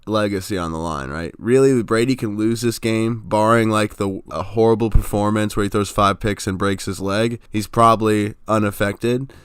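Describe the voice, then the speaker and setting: A man's voice: lowish voice, steady tone, normal speed, few pauses, smooth, no echo. A man co-hosting a sports podcast, giving opinionated football analysis in casual chat. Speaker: podcast co-host.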